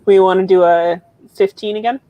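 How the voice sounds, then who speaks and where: A woman's voice: mid-range voice, fairly even intonation, moderate pace, muffled recording. A woman co-hosting a live writing stream, telling stories casually and laughing often. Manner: laughing, anecdotal storyteller. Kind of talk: casual chat.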